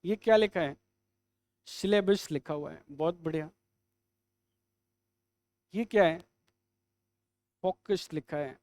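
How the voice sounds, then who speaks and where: High-voiced man teaching English. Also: a little mellow, no room sound. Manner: quizzing students with quick questions and jokes. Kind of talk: live online exam-prep lesson.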